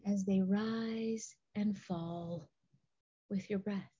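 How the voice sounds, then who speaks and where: Soft, breathy woman guiding a slow meditation. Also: medium pitch, steady tone. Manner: soft, soothing, breathy delivery with long pauses. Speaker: show host leading a guided meditation. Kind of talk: guided meditation. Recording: dull, lo-fi audio.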